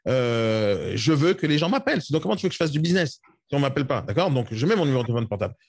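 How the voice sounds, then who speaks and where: A man's voice: mid-range voice, sing-song, vocal fry, slightly rough, no echo, studio quality. A man coaching real estate agents in a live session, blunt and scolding, sometimes mocking. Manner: blunt, scolding, rapid-fire.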